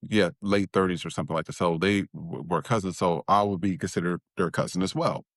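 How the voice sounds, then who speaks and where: A man as an interview guest, candidly recounting his childhood with halting restarts and acted-out quotes. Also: deep voice, steady tone, a bit bright, dry recording, studio quality. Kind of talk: personal storytelling interview.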